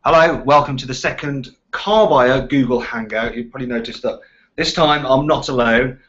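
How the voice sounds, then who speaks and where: A man's voice: medium pitch, normal speed, a bit bright. A British man presenting a casual car question-and-answer chat in a chatty, bantering way. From Walsall, West Midlands of England. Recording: slightly dull, lo-fi sound.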